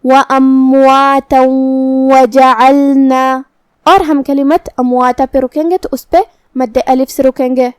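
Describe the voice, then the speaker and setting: High-voiced woman teaching tajweed slowly. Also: darkish tone, no echo. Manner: methodical, step-by-step explanation of each letter's sound. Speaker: Quran recitation teacher. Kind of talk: tajweed lesson, explaining then reciting slowly.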